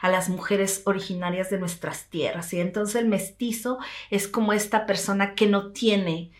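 Woman, Mexican Spanish accent, medium pitch, interview guest, explanatory conversational delivery, occasional English words, tag questions. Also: steady tone, normal speed.

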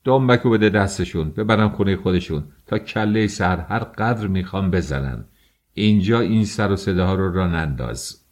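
A stern older father snaps out orders, loud and harsh, as a male narrator puts him on. The commands come slow and heavy. He is a domineering figure in an audiobook reading. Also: low-pitched, expressive. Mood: angry commanding.

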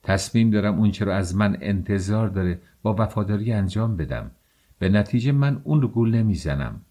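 A man's voice: lowish voice, lively intonation, warm tone. A man voicing a proud young woman who pleads her case indignantly in a storybook reading. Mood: firm.

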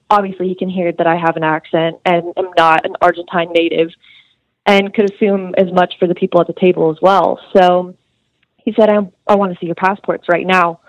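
In an interview, a student from the United States, a young adult woman, tells a detailed story earnestly with casual fillers. Her voice sits at medium pitch with no echo, though the dry recording is dull and muffled.

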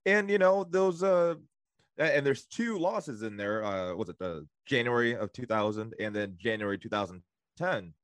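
A man's voice: mid-range voice, lively intonation, moderate pace, fairly bright tone, no room sound. Man, sarcastic podcast co-host, joking sports banter, dry sound. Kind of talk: casual sports chat.

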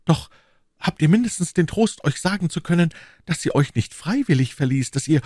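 A man plays a spirited young musketeer from a read-aloud novel, earnest with a wry, teasing edge. His delivery moves lively up and down, recorded close and dry. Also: fairly high pitch, moderate pace, no room sound, voice pushed up. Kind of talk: audiobook character voice.

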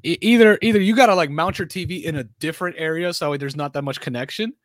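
A man's voice: a little high, fast, no echo, clean studio sound. A young American man chatting casually with friends in slangy, argumentative frat-bro talk. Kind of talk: casual group chat on a stream.

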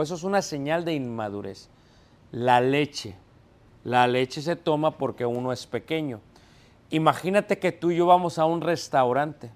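Delivering a sermon in a slightly high voice, a man puts questions to the congregation and answers them himself. He also acts out everyday scenes using quoted voices.

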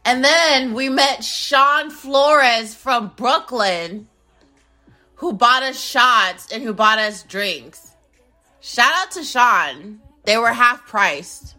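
A young woman in her twenties with a bright, forceful voice hosts her solo podcast from home, talking loosely and playfully. She jumps from loud outbursts to low mumbled asides and sometimes sings a line. A faint music beat plays behind her. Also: animated, very slow. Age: 20s. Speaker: podcast host. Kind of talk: casual solo podcast chat. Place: home in Arizona. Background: music beat playing.

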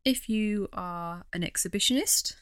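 A woman's voice: medium pitch, a little slow, a bit bright, clean tone, no echo, clean studio sound. A woman, co-hosting a podcast, playful and giggly as she reads out the show's plugs. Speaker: podcast co-host. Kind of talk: casual chat.

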